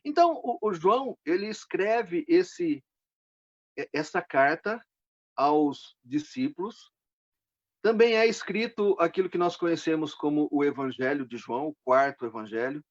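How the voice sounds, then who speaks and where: A man's voice: on the high side, lo-fi sound. A man preaching a devotional Bible message in a conversational way, often checking in with his listeners.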